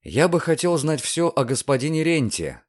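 A man voicing a calm, inquisitive young lawyer in an audiobook, measured and probing. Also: a little high, no room sound, studio quality, pitched above the performer's own voice.

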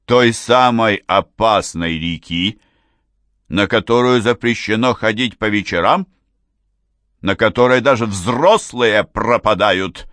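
Guy doing a big angry dad, slow heavy words, loud, storybook reading. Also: fairly low pitch, no room sound, studio quality. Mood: stern. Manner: slow, heavy, rising into shouts. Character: angry middle-aged father, stern and booming.

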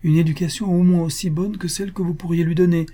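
Pushy, weepy older mother-in-law, read by a male narrator, raised pitch, mellow tone. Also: steady tone, fast talker, lightly acted. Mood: insistent. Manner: insistent and pleading. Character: meddling tearful older woman, a mother-in-law.

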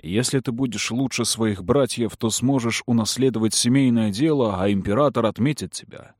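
A man playing a cold, manipulative noble father who speaks slowly and firmly. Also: medium pitch, dry recording, clean studio sound, natural voice. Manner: slow, firm, measured. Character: cold powerful aristocratic father, calm and manipulative.

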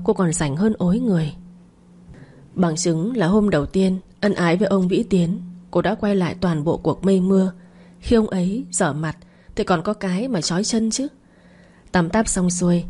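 Female narrator, audiobook story, mellow dark voice, gossipy scolding asides. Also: on the low side, slightly rough.

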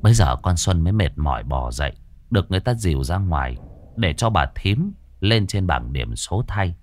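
Deep, expressive male ghost-story narrator. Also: normal speed. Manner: dramatic, suspenseful telling.

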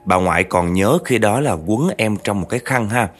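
A male storyteller with a lowish voice, telling the tale in a chatty style and turning often to his listeners. Faint music runs under his narration. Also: moderate pace. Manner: chatty, addresses listeners directly. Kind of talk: narrating a true spooky family story.

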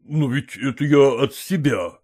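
A man's voice: mid-range voice, lively intonation, unhurried, a little mellow. A tearful, pleading nobleman. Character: sentimental, pleading aging nobleman. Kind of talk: audiobook character reading.

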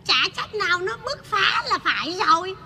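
A fussy grandma, very high-pitched. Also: female voice, animated, normal speed, gravelly, bright, forceful tone, heavily acted. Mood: scolding. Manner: exclamatory, scolding. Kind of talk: stage comedy sketch.

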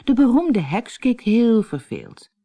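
A woman narrating a children's fairy tale in an expressive storybook reading. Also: a little high, takes it slowly. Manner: expressive, lively.

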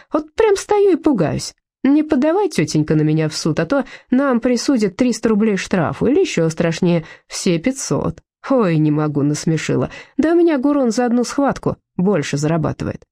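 A woman's voice: mid-range voice, big pitch swings, normal speed, warm tone, no room sound, clean studio sound. A woman reading a storybook aloud, voicing a crude, mocking male shop director who bullies and boasts. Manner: sneering, boastful, snide laughter.

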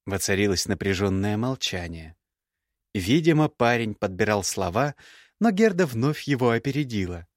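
Rich: A man reads a first-person story aloud, measured and expressive. The recording is dry and close, with no room echo. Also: lowish voice. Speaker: audiobook narrator. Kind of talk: first-person audiobook narration.

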